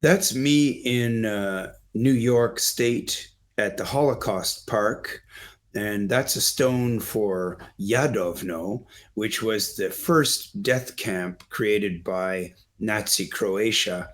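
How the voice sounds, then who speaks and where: A middle-aged man with a somewhat low voice, speaking as an interview guest. He talks in a discursive, earnest way, winding through stories and walking the listener through old photos. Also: very slow. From Canada. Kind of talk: storytelling in an interview.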